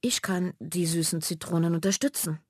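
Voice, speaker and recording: A woman voicing a friendly, curly-haired boy with gentle, slightly halting phrasing. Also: fairly low pitch, slightly rough, no room sound, studio quality. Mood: kind.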